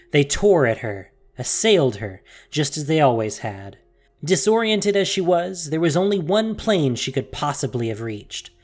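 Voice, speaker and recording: A narrator with a medium-pitched voice reads a dramatic audio story in a theatrical, scripted style, using deliberate pauses and hushed emphasis. Music plays in the background.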